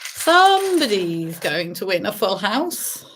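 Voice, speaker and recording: A woman's voice: mid-range voice, big pitch swings, takes it slowly, fairly bright tone, slight background noise. A woman working as a bingo caller, hosting an online game with sing-song, repeated number calls and chatty, teasing asides to the players. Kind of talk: bingo calling with traditional rhyming number calls and chat to players.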